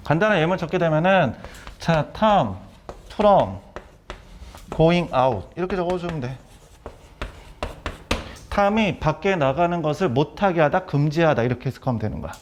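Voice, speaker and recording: Middle-aged male lecturer, slightly high voice, brisk and repetitive, light hiss under the voice. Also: animated. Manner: brisk, repeats key terms, quizzes students. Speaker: academy director teaching vocabulary.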